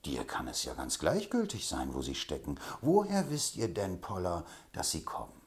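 A man voicing a gruff, curt accomplice. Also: low-pitched, wildly swooping pitch, moderate pace, heavily acted. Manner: curt, irritated. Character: gruff, unwilling male accomplice.

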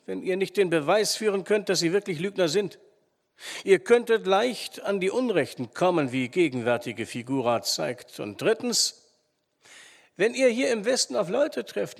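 A man voicing a calm, measured frontier hero who speaks with quiet authority, in a story reading with a long hall reverb. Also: on the high side, voice pushed up.

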